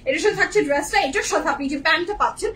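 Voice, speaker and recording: A young or thirty-something woman, a working mother, hosts a live-stream clothing sale, gushing over each dress and mixing English into her Bengali. Her voice is very high-pitched, racing, and fairly bright, and the recording is low quality.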